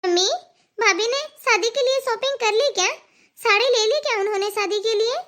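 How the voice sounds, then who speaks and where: A woman voicing a spoiled, indignant young married woman in a cartoon, complaining with sharp retorts and scoffing laughs. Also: very high voice, a little fast. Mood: eager. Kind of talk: cartoon voice acting.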